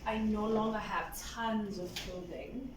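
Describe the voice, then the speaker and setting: A young woman in her twenties talks through her self-care routine at an unhurried pace in a mid-range voice, rambling chattily, laughing often and leaning on "like." The clip comes from a camera on a stand in a room at home, sounding roomy and slightly distant with faint ambience and background noise.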